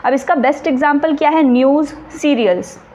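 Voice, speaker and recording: A woman's voice: high-pitched, brisk, darkish tone, a little hiss or hum. A woman teacher giving an exam-prep lecture. She explains patiently and keeps checking whether her students follow. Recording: slightly dull recording, faint ambience.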